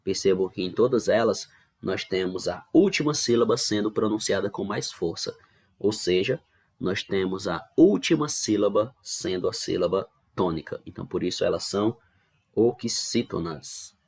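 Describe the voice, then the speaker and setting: A man with a low voice leads an online review lesson for schoolchildren. He goes through each rule step by step, repeats the main points and keeps checking that the class is following. He sounds like he is recording at a computer for a screen-share class. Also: moderate pace, vocal fry, a little mellow, husky. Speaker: teacher.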